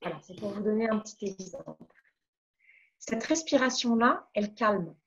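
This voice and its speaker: Calm French woman coaching in a webinar. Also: medium pitch, moderate pace, breathy edge, highs cut off. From France. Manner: calm, advisory, with frequent fillers and restarts. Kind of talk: online webinar talk.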